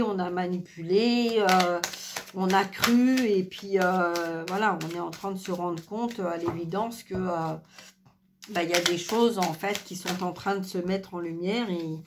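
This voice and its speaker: Soft-spoken woman losing her voice. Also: lowish voice, unhurried, background noise. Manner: hesitant, many fillers and restarts. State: losing her voice, speaking softly. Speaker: tarot card reader. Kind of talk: spiritual reading to camera.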